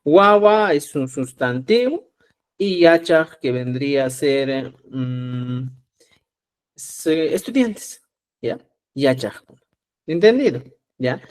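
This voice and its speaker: A man from Peru teaching a live online class, patiently explaining and often checking understanding with a quick "¿ya?". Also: mid-range voice, expressive. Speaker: Quechua teacher.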